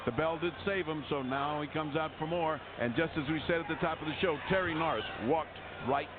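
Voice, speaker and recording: A man's voice: on the high side, a little fast. A man giving live boxing commentary and analysis, emphatic and opinionated, repeating phrases for effect. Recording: phone-like broadcast, loud arena noise.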